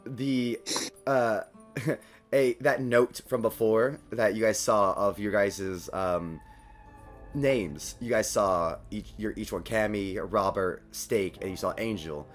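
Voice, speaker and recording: A man improvising narration as game master of a tabletop game, often halting to find his words. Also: lowish voice, soft background music.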